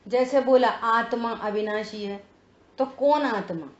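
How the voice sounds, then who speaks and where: A woman's voice: on the high side, slow. A woman leading a religious text study class. She explains step by step and keeps checking that listeners follow. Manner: reads sutra phrases word by word. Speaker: scripture study teacher. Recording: roomy, dull lo-fi sound.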